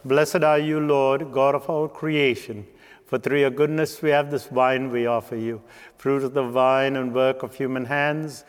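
Male priest, solemn liturgical recitation, measured phrasing, medium pitch, long cathedral-like reverb. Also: fairly even intonation, clear, resonant tone. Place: large reverberant church.

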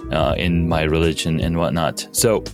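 A man's voice: extremely low pitch, fairly even intonation, normal speed, soft background music. A man from Pakistan, a podcast guest, talking casually with many fillers and restarts. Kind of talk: casual interview talk.

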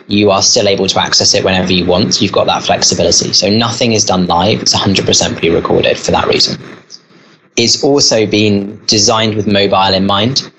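A man's voice: lowish voice, a bit bright, slight background noise, poor audio. A man who runs a school, answering interview questions in an earnest, explanatory way with occasional fillers and restarts. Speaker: school leader.

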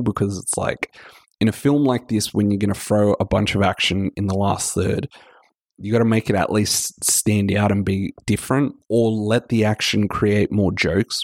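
A man's voice: on the low side, a little mellow, dry recording, clean studio sound. A man with a sick voice, hosting a podcast and chatting casually through a film review. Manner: chatty, loose, self-correcting.

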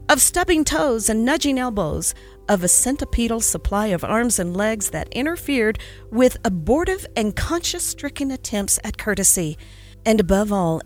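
A woman who hosts a podcast and narrates stories reads a classic tale aloud in an expressive, lilting way. Her pitch rises and falls vividly across every sentence, with soft music underneath.

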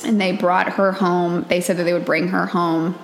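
A woman with a slightly low voice chats casually as a podcast co-host. She tells stories in a rambling way, starting over and throwing in asides. Faint music plays under her voice. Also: little pitch movement, moderate pace. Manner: chatty, storytelling, self-interrupting. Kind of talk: casual chat.

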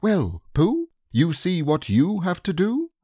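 A man's voice: high-pitched, wildly swooping pitch, slow, warm tone, no room sound, studio quality, voice pushed up, full character voice. A man reading aloud and voicing a bossy, scheming male rabbit who urges others on. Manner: bossy, urging.

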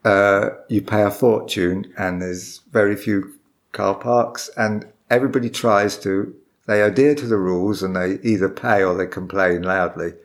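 A man's voice: lowish voice, steady tone, moderate pace. An Englishman living abroad, chatting casually at home as a podcast guest, rambling with hesitations. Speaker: guest, expat living in France. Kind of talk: casual chat.

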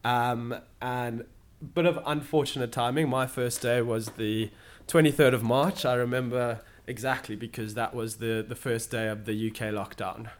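A young man from Zimbabwe, answering interview questions in a steady, explanatory way, pausing to find his words, in an office. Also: medium pitch. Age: young adult. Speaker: guest, solar sales manager. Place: office in London.

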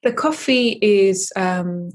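In a mid-range voice, a coffee company founder from Eritrea responds to interview questions. She is measured but stops and restarts often, using plenty of fillers.

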